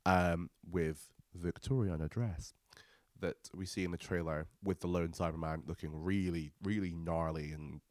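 Male co-host, very low, dry close sound, chatty and quick to laugh. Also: fairly even intonation, darkish tone, dry recording. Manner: chatty, laughs often, retells scenes with energy. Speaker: podcast co-host. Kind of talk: casual chat recapping a TV episode.

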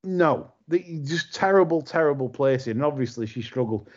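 A man hosting a casual podcast chat, talking in animated, exasperated bursts. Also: on the high side, moderate pace. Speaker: podcast host. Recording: slightly muffled audio.

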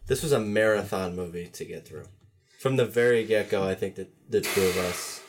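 A man's voice: on the low side, moderate pace, soft background music. A man in casual conversation, blunt and cursing as he argues his point. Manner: blunt, swears, argues strongly. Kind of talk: casual chat.

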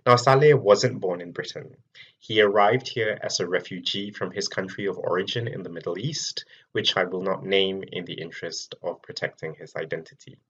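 Man, from Malaysia, researcher's talk, measured storytelling, breathy tone, muffled lo-fi audio. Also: low voice. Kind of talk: prepared public talk.

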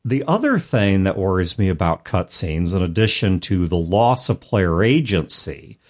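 A deep, slightly mellow male voice with big swings in pitch and a moderate pace belongs to a podcast co-host. He chats casually about tabletop role-playing, explaining through everyday analogies.

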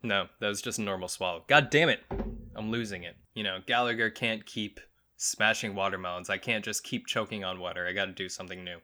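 A man hosting a solo comedy podcast, riffing crudely on strange news with bursts of mock outrage. His voice sits low but comes across bright and forceful. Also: steady tone, fast. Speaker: podcast host.

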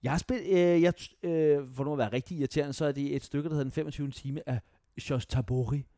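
A young man from Denmark telling stories in a casual chat, animated, swearing and mocking himself. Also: on the high side, no room sound, clean studio sound. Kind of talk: casual podcast storytelling.

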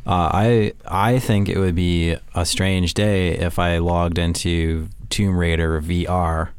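A man's voice: low voice, little pitch movement, slow pace, clean tone. A man co-hosting a casual podcast chat, rambling with many restarts and fillers. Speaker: podcast co-host.

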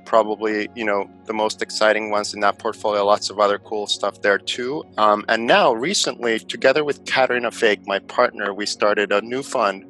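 Middle-aged Finnish-born male investor guest, low bright voice, hesitant and reflective, faint music underneath. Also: rough recording. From Finland. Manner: thoughtful, many fillers and restarts. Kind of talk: conversational interview answers.

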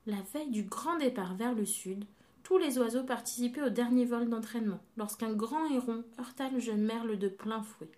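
Lady reading a bedtime-style story to a kid, gentle, kinda high voice. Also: moderate pace. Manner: gentle, explaining to a child. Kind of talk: children's story narration.

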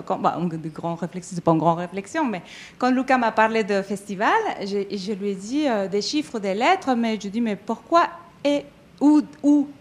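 Hesitant woman from Mexico. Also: fairly high pitch. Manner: hesitant, many fillers and restarts. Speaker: event organizer. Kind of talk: event introduction speech.

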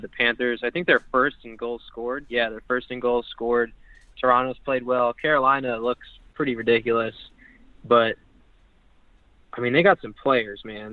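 A man's voice: medium pitch, no echo. A man chatting casually about hockey as a podcast co-host, rambling and leaning on filler words. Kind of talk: casual sports chat. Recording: tinny phone-like line, dry.

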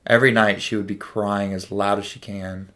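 A man's voice: lowish voice, level tone, normal speed, fairly bright tone. A young man chatting casually as co-host, laid-back and plain-spoken. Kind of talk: casual chat.

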